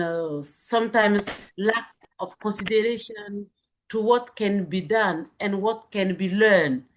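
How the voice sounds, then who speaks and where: A woman's voice: mid-range voice, a little hiss or hum. French-accented woman moderating a webinar. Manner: warm, chatty, laughs often. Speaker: webinar facilitator. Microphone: video call.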